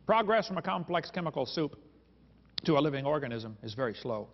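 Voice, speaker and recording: A man's voice: a little high, lively intonation, a little fast. A man giving a humorous lecture to a live audience, telling stories in a sarcastic, joking way and chuckling at his own lines. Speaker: creationist speaker. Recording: reverberant hall, dull lo-fi sound.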